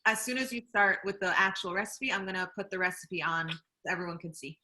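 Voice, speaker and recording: A woman's voice: medium pitch, fast talker, pushed and bright, rough recording. A young woman hosting a community baking program over a video call, chatty and laughing easily. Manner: chatty and laughing, with many fillers.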